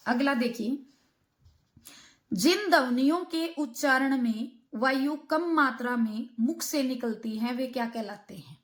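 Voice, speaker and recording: A woman teaching Hindi grammar for exam preparation, asking her own questions and then answering them as she breaks each term into its parts. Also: high voice. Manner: asks rhetorical questions and answers them herself; explains terms word by word, slowing on key parts. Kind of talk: exam-prep grammar lesson.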